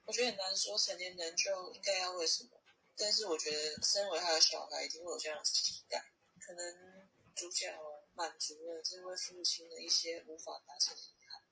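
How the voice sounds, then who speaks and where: A thoughtful podcast co-host heard over a telephone line. The voice is very husky and breathy, with plenty of creak and a bright, tense edge. The talk is casual and analytical, working through opinions aloud. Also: mid-range voice, flat delivery, fairly quick. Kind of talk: casual conversational discussion of a comic. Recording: recorded over a phone call.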